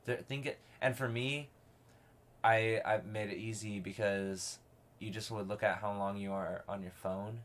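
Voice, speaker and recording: A man's voice: fairly low pitch, fairly even intonation, unhurried, fairly bright tone. A man in casual podcast conversation, rambling and peppering his talk with "like" and restarts.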